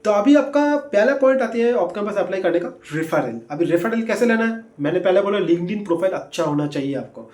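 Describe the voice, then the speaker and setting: A man's voice: high voice, lively intonation, a little fast, few pauses, a little mellow. A young man explaining job-hunting steps in a casual, chatty lesson, checking in with listeners as he goes. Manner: chatty, repeats points, frequent fillers and "theek hai" check-ins. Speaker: career advice presenter. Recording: echoey room.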